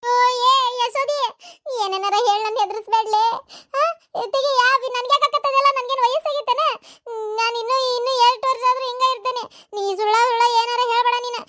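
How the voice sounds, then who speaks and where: A woman with a North Karnataka Kannada accent voicing a dramatic old village mother-in-law who wails and shouts for help in a comedy skit. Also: fairly even intonation, fast, no echo. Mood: panicky. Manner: shrill crying wails and shouted calls for help.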